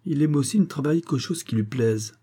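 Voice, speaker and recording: A man playing a haughty, hot-tempered American billionaire in a storybook reading, in a gruff and scornful manner. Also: mid-range voice, voice pushed up, lightly acted. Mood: gruff dismissive. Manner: gruff, scornful, quick to shout.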